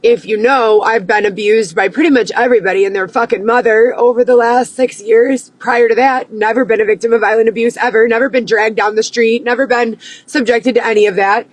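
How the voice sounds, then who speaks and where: A woman livestreaming a profane, agitated monologue that at times rises close to yelling. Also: on the high side, steady tone, a little fast. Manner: agitated, swearing, rising to near yelling.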